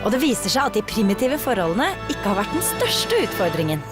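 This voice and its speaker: A woman narrating a reality show voice-over in a measured, informative way. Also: medium pitch, big pitch swings. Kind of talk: scripted documentary narration. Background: music.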